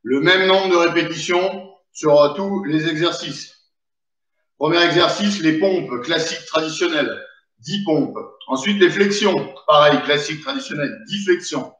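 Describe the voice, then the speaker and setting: A man's voice: fairly high pitch, unhurried, fairly bright tone. A man working as a fitness coach, leading an exercise class, calling out cues and counting repetitions while doing the exercises himself. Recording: very echoey room, distant mic, slightly dull.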